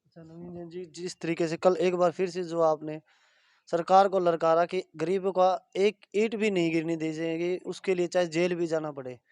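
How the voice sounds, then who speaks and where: A man's voice: high-pitched, level tone, normal speed, darkish tone, no echo. A male reporter interviewing a guest with long, winding questions.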